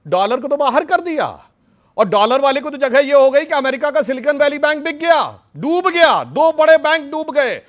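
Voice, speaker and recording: A man's voice: extremely high pitch, lively intonation, normal speed, fairly bright tone. A man arguing on a TV debate panel, mocking his opponents and reciting a couplet. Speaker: political panelist. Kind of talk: TV debate argument. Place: TV studio.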